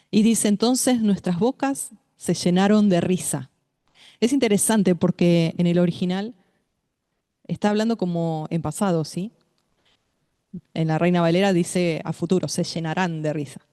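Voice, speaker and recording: Slow, low-voiced woman preaching. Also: warm tone, dry recording, clean studio sound. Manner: measured, addresses listeners directly as sister with questions. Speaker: women's meeting preacher. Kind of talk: sermon.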